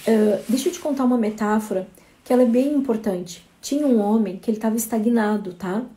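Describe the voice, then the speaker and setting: A woman's voice: a little high, a little fast, dark tone. A woman, a motivational speaker telling a parable in a conversational way. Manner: conversational, addresses listeners as "gente".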